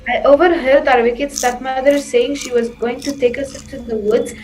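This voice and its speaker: Woman playing naive, high-voiced young Gretel. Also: fairly even intonation, normal speed, a little mellow, soft background music, natural voice. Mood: worried. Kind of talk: comic fairy-tale stage acting.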